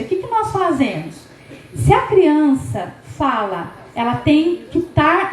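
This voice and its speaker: A woman's voice: high voice, a little mellow, reverberant, rough recording. A woman with a Brazilian Portuguese accent giving a lecture to teachers, asking rhetorical questions and sounding out syllables as she explains. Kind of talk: education lecture.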